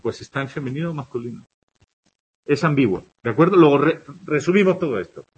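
Speaking fast in a mid-range, somewhat mellow voice with a touch of roughness, a Spanish teacher with a Spain accent gives a grammar lesson. His intonation is lively as he rattles through examples and checks with the class using "¿de acuerdo?"

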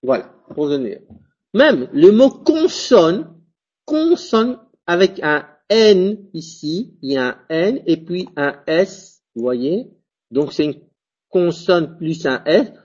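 Slow, husky-voiced pronunciation teacher. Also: medium pitch, a little mellow. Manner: spells out letters and checks understanding often; repeats example words slowly, self-corrects. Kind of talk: spelling-and-pronunciation lesson. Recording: dull lo-fi recording.

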